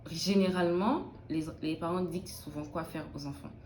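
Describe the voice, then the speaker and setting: A woman's voice: on the low side, normal speed, a little mellow, roomy sound, slight background noise. A young woman from Benin, a student in early childhood education, answering interview questions in a thoughtful, hesitant way with many restarts.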